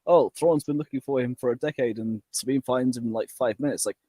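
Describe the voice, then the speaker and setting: A man co-hosting a podcast in casual chat, animated and quick to act out characters, swearing casually. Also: medium pitch, breathy edge, no room sound. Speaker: podcast co-host.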